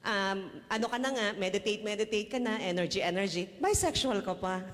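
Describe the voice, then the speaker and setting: A woman's voice: medium pitch, normal speed, in a large hall. A woman with a Filipino accent giving a casual personal faith testimony, chatty, laughing often and tossing in tag questions. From Philippines. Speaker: church testimony speaker.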